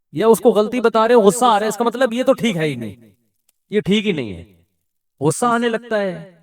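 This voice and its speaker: A man with a Pakistani Urdu accent giving a religious sermon, conversational, acting out the people he quotes. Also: sits high. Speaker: Islamic scholar.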